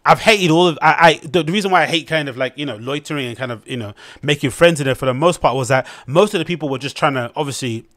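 A man's voice: fairly high pitch, quick pace, few pauses, a bit bright, dry recording, clean studio sound. A young man with a London accent, hosting his podcast and giving blunt, rambling commentary on a news article, with lots of fillers and restarts. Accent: London English. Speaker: podcast host.

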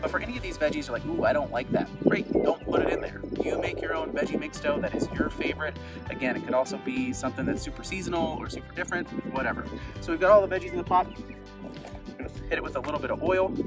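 A man's voice: a little high, quick pace, music in the background, low-quality recording. A man in his thirties, a chef giving a casual, chatty outdoor cooking demonstration while sitting on a rock in open grassland. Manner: upbeat, chatty, easygoing.

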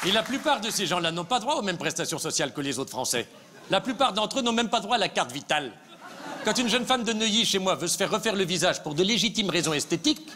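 Male comic, high voice, rattling on as a patronizing politician; live theatre, audience laughter. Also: sharp tone, slight background noise. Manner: smug, repetitive, patronizing politician. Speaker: comedian in a political debate sketch. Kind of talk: live stage sketch.

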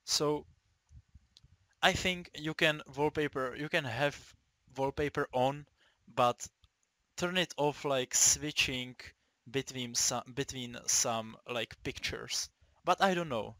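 Speaking with a Czech accent, a young man from the Czech Republic makes a gaming video, stumbling through a relaxed tutorial full of swearing and restarted sentences. His mid-range voice has a sharp tone, and the recording is dry.

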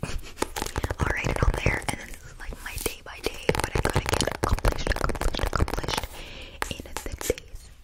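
A woman's voice: normal speed, low-quality recording. A young woman whispering breathily in a rambling ASMR style very close to a condenser mic, often repeating words. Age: young adult. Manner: repeats words in trailing strings. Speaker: ASMR video creator. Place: small bedroom indoors. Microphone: large desktop condenser mic, very close.

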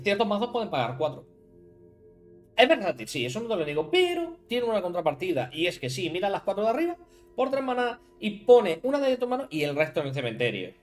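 A man from Spain with a Spanish accent, chatting casually on a live stream while building a card deck and talking to viewers. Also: sits high. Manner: chatty, thinks aloud, talks to chat viewers by name.

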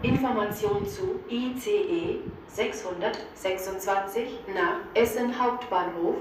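A woman with a standard German accent reads scripted automated platform announcements in a measured, segmented, neutral delivery over a train station loudspeaker. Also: medium pitch. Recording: echoey station PA, clear background station noise.

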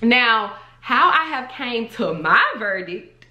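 A woman's voice: fairly high pitch, very animated, slow pace, sharp tone, reverberant. A young woman, giving her opinion in a chatty, emphatic vlog and repeating herself for stress. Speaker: vlogger.

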